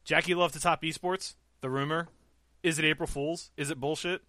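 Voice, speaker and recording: A man's voice: fairly high pitch, fairly even intonation, moderate pace, sharp tone, dry recording. A man hosting a casual esports podcast, talking loosely and correcting himself as he goes. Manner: loose, rambling, self-correcting. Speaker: podcast host.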